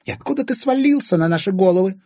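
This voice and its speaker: A man's voice: high-pitched, lively intonation, quick pace, warm tone, dry recording, studio quality, pitched above the performer's own voice. A man voicing a scheming, two-faced stepmother who was once an actress, shrieking and sneering.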